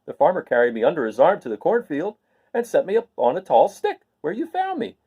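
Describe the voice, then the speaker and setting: A man's voice: a little high, huge pitch swings, brisk, slightly rough, narrow, tinny audio, exaggerated voice. A man voicing a naive, earnest and cheerful scarecrow stuffed with straw in a storybook reading. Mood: wistful, eager. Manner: earnest, artless, wondering.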